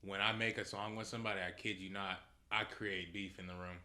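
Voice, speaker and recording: A male musician guest in a casual podcast chat, telling lively stories and acting out what people said. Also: low voice, fairly quick. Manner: animated storyteller, acts out quotes.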